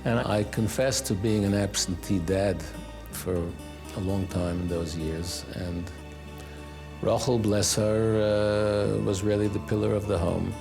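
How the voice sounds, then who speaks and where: Slow gravelly older man. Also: on the low side, steady tone, over music. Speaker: husband of the guest. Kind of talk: interview.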